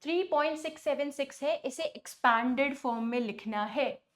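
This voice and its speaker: A woman teaches a maths class online, her voice set high. She works through each step and poses questions only to answer them herself. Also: normal speed. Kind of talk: online class lesson in Hindi-English mix.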